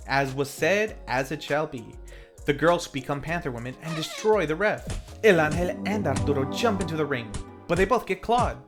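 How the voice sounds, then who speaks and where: A man hosting a film review show narrates a scripted recap at a moderate pace, his fairly high voice animated. His delivery is tongue-in-cheek and playful, full of theatrical asides, over faint background music.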